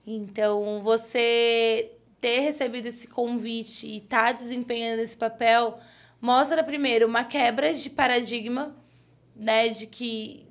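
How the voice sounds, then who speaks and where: A woman interviewer asking questions in a casual, conversational way, often ending her phrases with a quick tag question. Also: fairly high pitch, fairly even intonation. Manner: conversational, frequent "né?" tags.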